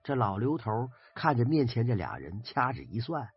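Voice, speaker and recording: A man with a Northeastern Chinese accent telling a folk ghost story in a lively, dramatic way. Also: medium pitch, moderate pace, dry recording. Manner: lively, dramatic retelling, husky. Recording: dry, slightly dull recording with faint music.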